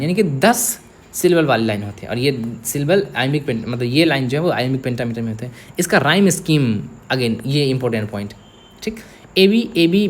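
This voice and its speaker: A man's voice: medium pitch, a little hiss or hum. Man teaching an exam-prep lecture. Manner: explains step by step, checks in with "theek hai".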